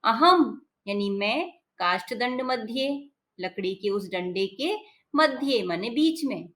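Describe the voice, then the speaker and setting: Woman teacher going word by word, slow and patient, says each meaning twice. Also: on the high side, expressive, a bit bright. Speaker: Sanskrit teacher. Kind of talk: explaining a textbook lesson word by word.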